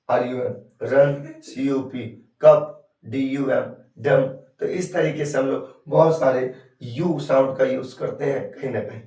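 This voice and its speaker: A man's voice: medium pitch, a little mellow. A male English grammar teacher giving a lesson, often asking a question and then answering it himself. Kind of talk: classroom lesson. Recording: echoey room from far off.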